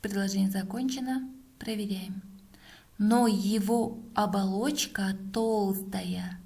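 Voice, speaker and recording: A woman teacher is dictating a text for pupils to write down. Her delivery is extremely slow, set at a middle pitch for a woman. She breaks sentences into separate words with long pauses and repeats them. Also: fairly even intonation, gravelly, mellow.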